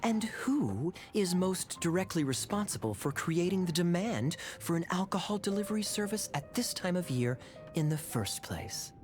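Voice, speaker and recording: A man voicing a smooth, teasing male knight captain in a video game dub. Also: sits high, sing-song, moderate pace, over music. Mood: wry.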